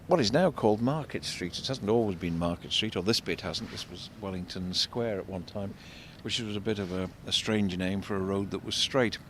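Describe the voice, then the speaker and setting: An older man giving unscripted commentary as an architect and local guide, discursive and explanatory, halting and repeating words. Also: fairly bright tone. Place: outdoors in a shopping street. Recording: vehicle rumble, street noise. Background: faint street traffic rumble.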